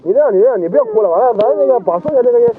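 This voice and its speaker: A man's voice: very high voice, lively intonation, racing, phone-quality sound, a little hiss or hum. A man hosting a prank video outdoors at the seaside at night, teasing and stammering with many repeats. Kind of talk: casual prank talk. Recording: loud music over the voice.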